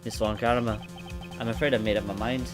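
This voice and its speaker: A man's voice: lowish voice, steady tone, brisk, close to an everyday voice. A man voicing a polite but firm middle-aged male ambassador with a formal manner, over game music.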